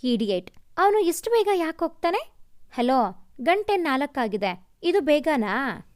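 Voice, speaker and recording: A woman's voice: sits high, very animated. A woman voicing a playful, lovestruck young college girl who giggles and teases. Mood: teasing. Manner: giggly, teasing, drawn-out whining.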